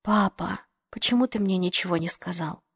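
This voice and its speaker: A woman's voice: lowish voice, moderate pace, husky, dry recording, studio quality. A woman reading a defiant young journalist. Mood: probing. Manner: urgent, forceful.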